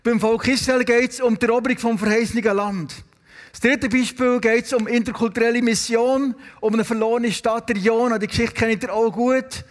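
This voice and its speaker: A man's voice: very high-pitched, steady tone, moderate pace. A man preaching a sermon with a Swiss German accent, retelling Bible stories and putting questions to the congregation. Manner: storytelling, asks the congregation questions. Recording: long hall reverb.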